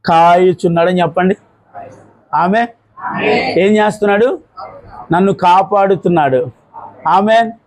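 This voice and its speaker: A man, a pastor preaching a sermon and calling for amens from the congregation, switching between loud exclamations and slow, low phrases. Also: rough recording. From India. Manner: call-and-response preaching, urging amens.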